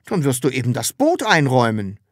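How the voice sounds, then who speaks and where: A woman's voice: very deep voice, wildly swooping pitch, brisk, no room sound, clean studio sound, full character voice. A woman voicing a timid, earnest grown man in an audiobook, talking in a way that is easily flustered. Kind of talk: audiobook character reading.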